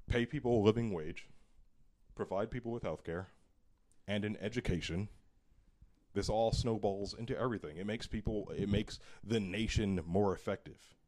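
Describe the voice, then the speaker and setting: A man's voice: lowish voice, a little mellow, a little hiss or hum. A man ranting heatedly about politics in casual chat, swearing often.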